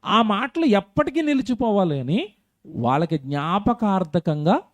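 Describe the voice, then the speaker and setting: A man's voice: high voice, big pitch swings, a little slow, no room sound. A man preaching a sermon in a conversational way, often asking his congregation questions and acting out quoted voices. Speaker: pastor.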